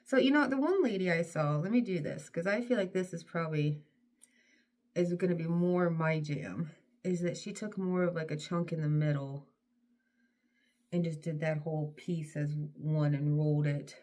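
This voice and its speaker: A middle-aged woman vlogger from North Carolina chatting casually while she does her hair, self-deprecating and drifting into soft mutters. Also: sits low, normal speed.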